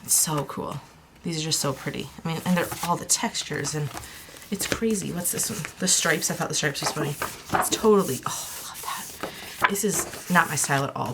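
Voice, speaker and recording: A young woman chatting casually in a vlog, gushing and chatty, with soft whispered asides. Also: low voice, noisy background. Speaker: crafting vlogger.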